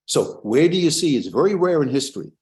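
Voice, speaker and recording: Older American male professor, lecture hall delivery, emphatic, pitch swings widely for emphasis. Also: a little fast. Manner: animated, emphatic, rhetorical questions. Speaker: history professor. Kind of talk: public history lecture.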